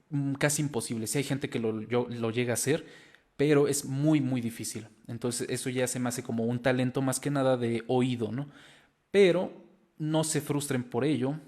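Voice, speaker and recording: A man's voice: medium pitch, a little mellow. Young Mexican guy in his 20s, earnest, encouraging motivational host talking to camera. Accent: Mexican Spanish. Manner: earnest and encouraging, addressing viewers directly. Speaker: language-learning video host.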